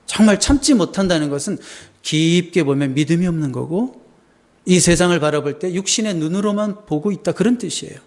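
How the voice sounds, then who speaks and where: A man's voice: high voice, fairly quick, darkish tone. A man preaching a sermon as a pastor, talking in a conversational way and putting questions to the congregation.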